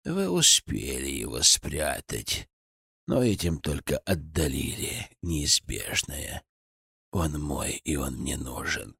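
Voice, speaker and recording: A man voicing a menacing old male ghost sorcerer in an audiobook, speaking slowly in a hollow, cracked, triumphant voice. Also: sing-song, gravelly, a bit bright, slightly rough, no echo, studio quality, exaggerated voice. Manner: slow, low, triumphant menace. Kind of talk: audiobook character voice.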